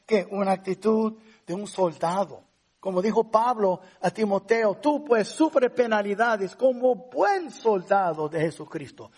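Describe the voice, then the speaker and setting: A man's voice: high-pitched, a little mellow, breathy edge. A man preaching a conversational sermon as pastor, rising to emphatic points now and then.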